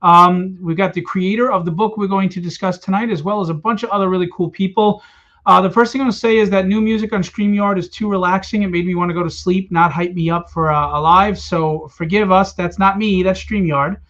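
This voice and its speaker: Over flat, lo-fi stream audio, a man with a high, slightly bright voice keeps a steady tone and a somewhat quick pace. He is the host and publisher behind a comic, throwing a launch party online where he teases his guests and promotes the campaign.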